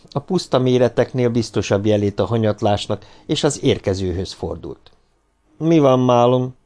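A man narrating a novel as an audiobook reader, in a measured, even reading. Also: lowish voice. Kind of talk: scripted narration.

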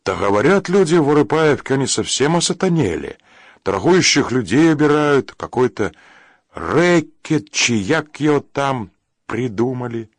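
A man's voice: mid-range voice, sing-song, a little slow, no echo, voice pushed up. A man voicing an old, ailing rural father who mixes in Ukrainian words. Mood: worried. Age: older. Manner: rustic speech with Ukrainian words. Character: old ailing male Cossack-country father, suspicious.

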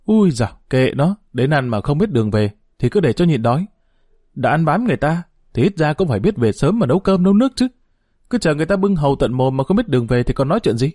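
A man voicing a sharp-tongued young woman, a scornful daughter-in-law who scolds shrilly and cuttingly in a dramatized story reading. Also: a little high, lively intonation, a little fast, no echo, studio quality, natural voice.

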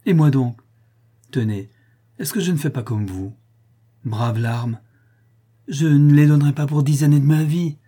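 A man's voice: a little high, unhurried, pauses often, dark tone, husky, pitched above the performer's own voice. A man voicing a faithful old male valet, fond and deferential, moved close to tears. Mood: tearful joy.

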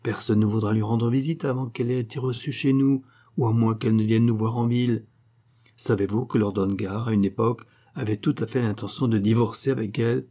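A man's voice: mid-range voice, steady tone, brisk, warm tone, close to an everyday voice. A man reading as an urgent, pleading noblewoman. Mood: persuasive. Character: anxious scheming noblewoman, pleading, gossipy.

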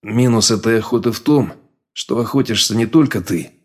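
A male audiobook narrator voices the first-person hero, a blunt man who shrugs off danger. His lowish voice moves at a normal speed with light acting, plain in mood and delivery, with a shrugging manner.

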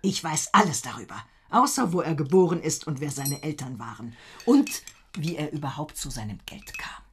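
A gossipy old housekeeper in a radio play, confiding all she knows. Her voice rises and falls in a lively way, over a faint clatter of dishes and silverware. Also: deep voice, normal speed, a little hiss or hum. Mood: knowing. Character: chatty older female housekeeper, knowing.

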